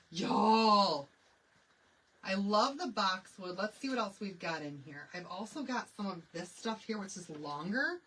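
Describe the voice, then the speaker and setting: A craft livestream host with a Michigan accent leads a live tutorial, chatting, laughing often, and answering viewers' questions as she works. Her mid-range voice is expressive and a bit bright, and she speaks slowly with frequent pauses over a rough recording with slight hiss or hum.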